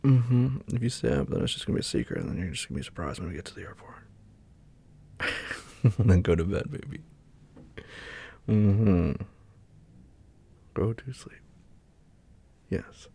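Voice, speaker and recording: A man speaks in a low, intimate murmur that often drops to a whisper. His voice is very husky and breathy, with gravelly fry and a warm, mellow tone. He sounds soft and soothing, close to the microphone. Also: expressive, moderate pace, pauses often. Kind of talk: whispered boyfriend roleplay ASMR.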